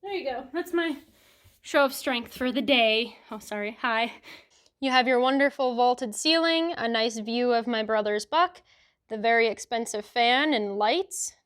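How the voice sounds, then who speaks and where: A woman's voice: on the high side, measured pace, fairly bright tone. A young woman casually vlogging a tour of a family home, chatty and rambling with apologetic asides. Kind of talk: casual house tour vlog.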